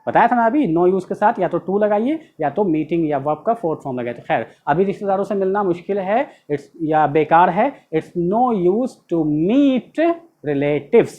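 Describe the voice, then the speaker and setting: A man's high, expressive voice carries a warm tone at a measured pace as he teaches English grammar in classroom style. He works through the material step by step, emphasizing key words and asking rhetorical questions, on lo-fi audio.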